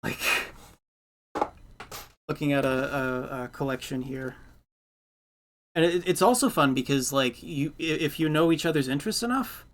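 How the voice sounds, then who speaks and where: A man's voice: fairly high pitch, normal speed, long pauses, a little hiss or hum. A man hosting a podcast, chatting casually in a rambling way, repeating words and laughing often. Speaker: podcast host. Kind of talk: casual chat.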